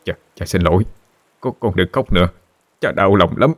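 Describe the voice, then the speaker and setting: A man voicing a poor grieving fisherman father who talks softly and stammers a little. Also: low-pitched, fairly quick, close to an everyday voice. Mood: tearful. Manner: soft, stammering, subdued.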